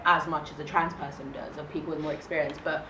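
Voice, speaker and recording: A woman's voice: sits low, fairly even intonation, fast, sharp tone, a little hiss or hum. A woman in a casual group discussion, talking emphatically and growing insistent as she argues her point. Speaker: discussion panelist. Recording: roomy echo, mic at a distance.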